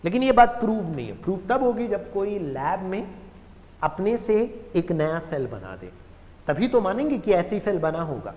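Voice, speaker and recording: A male teacher giving a classroom lecture, often addressing the class as children and repeating key phrases slowly for students to write down. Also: high voice, sing-song, darkish tone, big-room sound, rough recording. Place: room with a writing board.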